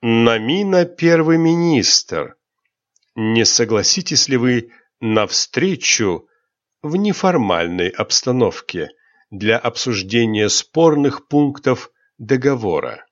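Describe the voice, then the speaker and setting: A man voicing a confident young prince with a soft pleasant baritone, courtly and flattering, in a slightly dull recording. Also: slow. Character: confident young foreign prince, charming and curious.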